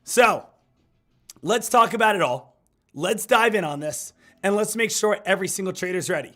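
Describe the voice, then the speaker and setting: A man with a hoarse smoker's rasp, getting over an illness, hosting a high-energy live stream about stock trading. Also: expressive, normal speed, bright, forceful tone. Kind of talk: hyped live stream market commentary.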